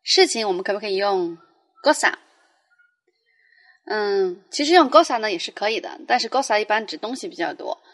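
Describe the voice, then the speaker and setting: A woman's voice: mid-range voice, lively intonation, brisk, a bit bright. A young adult woman teaching a language lesson, explaining patiently and reading foreign phrases aloud with frequent fillers. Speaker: Spanish teacher.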